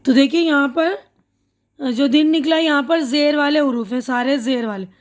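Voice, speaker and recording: Patient high-voiced woman teacher. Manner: explains slowly, reads syllables aloud and repeats them. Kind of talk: slow, patient reading lesson for young children.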